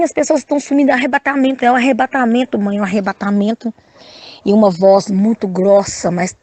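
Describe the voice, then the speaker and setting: A woman's voice: mid-range voice, warm tone, dry recording. A woman gives an earnest, emotional testimony of a religious dream, retelling it with rising distress. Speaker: testimony speaker.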